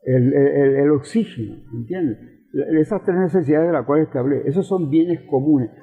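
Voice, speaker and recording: An older man with a Venezuelan accent, a professor and politician, is a guest in a conversational interview, explaining and reminiscing with emphasis and plenty of repetition. His husky voice sits on the high side at a moderate pace. The recording is roomy and thin, like a phone, with faint music.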